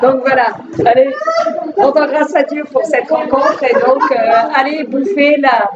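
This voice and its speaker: A woman filmmaker giving a lively personal testimony to an audience, laughing often and restarting her phrases. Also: high-pitched, unhurried. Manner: animated, laughing, with frequent restarts. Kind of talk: lively storytelling talk to an audience. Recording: distant, dull, slightly noisy room recording.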